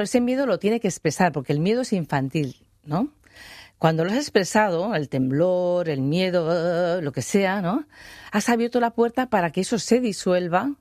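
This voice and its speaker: A woman with a slightly low voice answers interview questions in a reflective, unhurried way. She often trails off into fillers and tag questions. The sound is close and dry, with no room echo. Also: a little mellow. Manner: thoughtful, trails off with many fillers and "¿no?". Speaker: guest, voice and free singing teacher.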